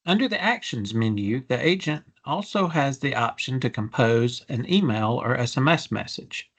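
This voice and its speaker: Businesslike man demonstrating software, mid-pitched. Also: animated, normal speed. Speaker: product demonstrator.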